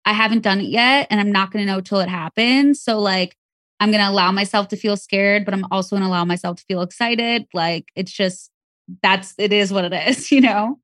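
A young woman, pregnant and chatting openly as a podcast guest. She speaks at a middle pitch, loosely and with plenty of fillers. The room sound is dry and close. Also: a little fast, fairly bright tone, dry recording. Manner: candid, chatty, heavy on fillers. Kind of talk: casual chat.

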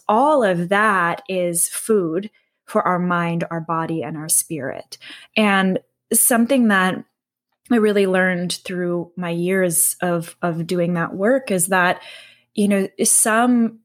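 A young adult woman speaks in a relaxed conversational interview. She is reflective and circles her points, with lots of fillers and restarts. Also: mid-range voice. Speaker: podcast guest, health coach.

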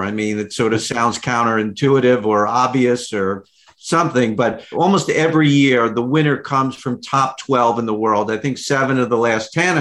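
A man's voice: medium pitch, a bit bright. A man co-hosting a sports podcast, giving conversational fantasy golf analysis.

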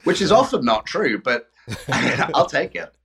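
A man's voice: a little high, sing-song, measured pace, fairly bright tone, husky. A man with an English accent, a musician guest chatting casually on a podcast and telling self-deprecating stories. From England.

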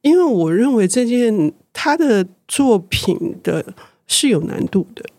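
An older woman, a publisher, speaking as a guest in a reflective interview, thoughtful and growing lively when excited. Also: fairly high pitch, measured pace, dry recording.

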